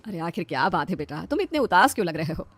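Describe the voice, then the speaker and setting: A woman's voice: fairly low pitch, sing-song, fast, music in the background. A woman voicing a kindly, indulgent mother-in-law in a comic skit, soothing and reassuring. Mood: gentle.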